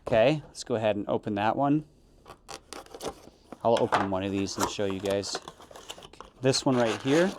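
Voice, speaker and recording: A man giving a casual, halting unboxing review, correcting himself as he goes. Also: fairly low pitch. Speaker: product reviewer. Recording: noisy, with crinkling packaging and clicks.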